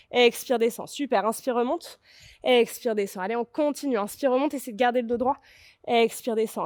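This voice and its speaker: A woman's voice: on the high side, a little mellow, no room sound, clean studio sound. Encouraging French yoga teacher, woman. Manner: encouraging, cueing breath and poses. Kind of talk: guided yoga class.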